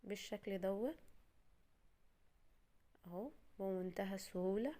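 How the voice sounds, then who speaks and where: In a casual cooking tutorial, an Egyptian home cook with an Egyptian Arabic accent talks viewers through a recipe step by step, chatty and reassuring. Her mid-range voice has a dark tone and a measured pace, and it sounds tired from a cold.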